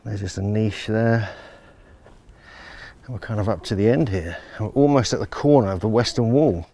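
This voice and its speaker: A man's voice: on the low side, moderate pace, dark tone. A man recording handheld video as he walks through ancient temple ruins outdoors, describing the massive stones with enthusiasm. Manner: enthusiastic, marveling at size. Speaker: travel vlogger guiding viewers around ruins. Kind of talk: walking-tour commentary. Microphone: handheld camera without its stabilizer, filming himself.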